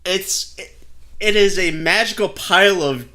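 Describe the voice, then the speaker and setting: A man co-hosting a casual podcast chat, talking in an animated, exasperated way and swearing freely. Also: high-pitched, a little slow. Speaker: podcast co-host.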